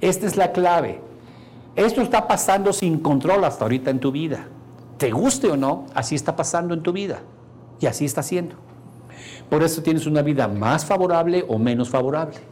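A man's voice: on the high side, fairly quick, a little hiss or hum. A man teaching a seminar on neuro-linguistic programming, talking to the audience with jokey asides and acting out quoted lines. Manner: animated, acts out quoted computer dialogue, jokey asides to the audience. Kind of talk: live seminar lecture.

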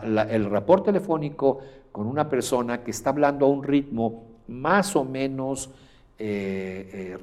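Lowish-voiced male instructor lecturing. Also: a little mellow. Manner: demonstrates pace and pitch changes while teaching, with frequent "eh" fillers.

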